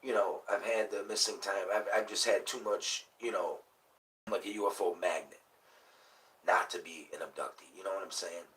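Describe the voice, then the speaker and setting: Man, late thirties, livestream host, casual rambling chat, profane, forceful bright tone, distant mic, light noise. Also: sits low, steady tone, normal speed. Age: late 30s. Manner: rambling, profane, laid-back.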